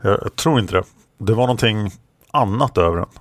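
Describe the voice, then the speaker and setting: A man's voice: fairly low pitch, animated, no echo, natural voice. A man voicing a stern, wary old male farmer who speaks in urgent, clipped bursts.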